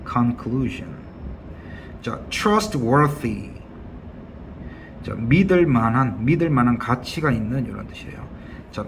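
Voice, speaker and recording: Male teacher, slow patient vocab drill, faint background hiss. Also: mid-range voice. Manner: slow, drawn-out word-by-word drilling with frequent checking questions. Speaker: English teacher.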